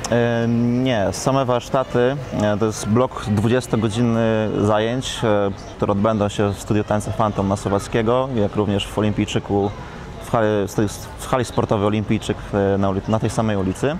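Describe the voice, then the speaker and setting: Low-voiced young man explaining dance. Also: steady tone, moderate pace, noisy background. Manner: explanatory, with many hesitation sounds. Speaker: dance workshop organizer. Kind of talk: studio interview answers. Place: studio set in a shopping mall. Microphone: lapel.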